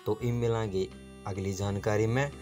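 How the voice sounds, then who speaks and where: A man's voice: fairly low pitch, steady tone, normal speed, darkish tone, faint music behind. A man with a Haryanvi accent giving a folksy, casual explainer voice-over, often turning to his listeners as friends. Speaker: host of an explainer channel.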